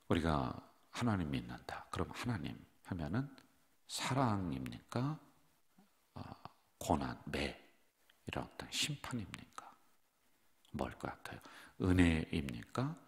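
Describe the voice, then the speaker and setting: Brief: male pastor, low voice with lively swings, dawn prayer sermon in a church, chatty, puts questions to the flock. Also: unhurried, vocal fry, pauses often. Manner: conversational, asks the congregation questions; acts out parents' scolding lines. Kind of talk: early morning prayer sermon.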